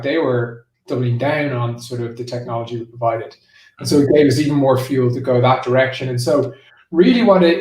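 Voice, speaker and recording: Here a man with a medium-pitched, darkish voice is interviewed about business as a marketing executive. He explains conversationally, often saying "like" and "you know," recorded far from the mic in a room with noticeable echo.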